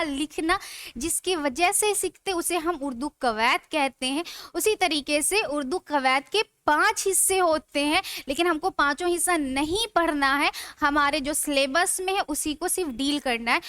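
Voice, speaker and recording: A woman's voice: sits high, fairly bright tone, no room sound. A young woman teaching an online grammar class, chatty and asking her students rhetorical questions as she goes. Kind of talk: live online class lecture.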